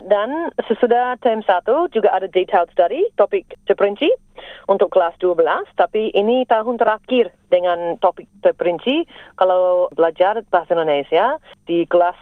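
A woman's voice: medium pitch, expressive, moderate pace, no echo. Australian woman speaking Indonesian over tinny phone. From South Australia. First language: English. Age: middle-aged. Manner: foreigner speaking Indonesian, simple careful phrases with some English words. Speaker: Indonesian language teacher and interview guest. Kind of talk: conversational interview answers. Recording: tinny narrow-band phone line.

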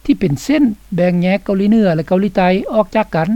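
A woman narrates a scripted radio report in a mellow, relaxed voice of medium pitch. The recording is dry and a little dull. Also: fast talker, no room sound. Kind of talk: scripted documentary narration and translation. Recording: dull, slightly lo-fi, dry studio sound.

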